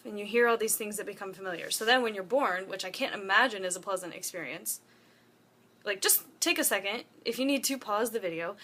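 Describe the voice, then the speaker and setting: A woman's voice: medium pitch, pushed and bright. A young woman talking casually to her phone camera at home, rambling with lots of fillers and asides. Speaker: vlogger. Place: room at home with a window open. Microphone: phone propped up.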